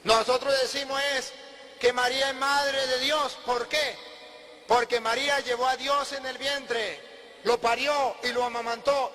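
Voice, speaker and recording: Emphatic high-voiced male preacher. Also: bright, forceful tone. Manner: emphatic, asks questions and answers them himself. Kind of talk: sermon. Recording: long hall reverb.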